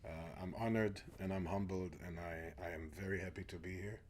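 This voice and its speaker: A man's voice: low-pitched, fairly even intonation, a little fast, slight background noise. A middle-aged man from Israel, guest on an interview show, speaking reflectively and often sinking to a near-whisper. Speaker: guest, spiritual teacher.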